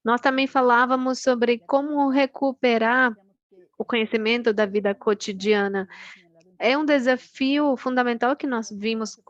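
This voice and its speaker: A woman giving an earnest, deliberately paced talk as a panelist at an online meeting, slowing down so interpreters can follow. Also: fairly high pitch, steady tone, dry recording, muffled recording. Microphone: video call.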